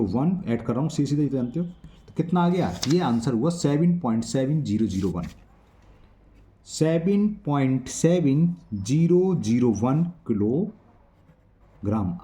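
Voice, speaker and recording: A man's voice: medium pitch, mellow. A man teaching a maths exercise to children, patiently counting digits aloud and checking that they follow.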